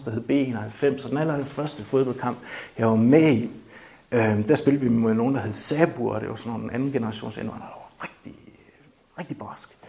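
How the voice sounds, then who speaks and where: Animated Danish preacher man. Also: medium pitch, creaky. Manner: animated, shouting for emphasis, joking with the congregation. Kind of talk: lively sermon.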